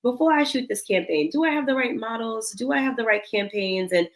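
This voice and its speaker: A woman's voice: a little high, lively intonation, a little fast, low-quality recording. A woman in her thirties from Senegal, a guest in an interview, speaking in an earnest, reflective way with light laughs. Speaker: guest, cosmetics founder. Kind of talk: interview conversation.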